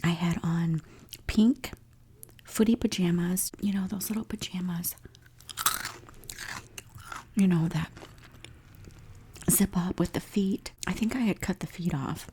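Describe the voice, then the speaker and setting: A woman speaking in a soft, whispery ASMR voice, chatting casually and telling a story while she eats at home. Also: fairly low pitch, breathy edge. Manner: whispery, soft and unhurried, with frequent small laughs. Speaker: ASMR creator. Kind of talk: soft-spoken ASMR mukbang.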